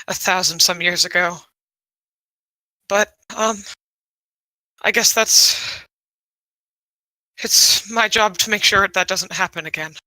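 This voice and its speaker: A shy, winged dragon-kin woman, played by a woman in a tabletop role-play, stumbling over her words with ums and restarts. Her voice is bright and clear. The recording is close and dry. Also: medium pitch, dry recording, poor audio. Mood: hesitant. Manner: hesitant, halting, full of restarts and ums. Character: shy female Manakete with wings.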